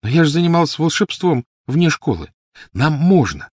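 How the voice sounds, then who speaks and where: A man's voice: a little high, sing-song, moderate pace, a little mellow, no room sound, clean studio sound, pitched above the performer's own voice. A man voicing a bold, cheerful little girl who teases her sister. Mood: lively.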